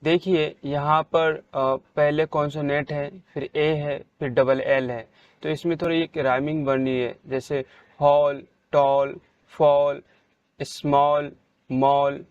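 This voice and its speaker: A man teaching English pronunciation in a slow, deliberate way, saying each example word out loud with strong stress. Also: fairly high pitch, level tone, dull audio. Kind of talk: slow spelled-out pronunciation lesson.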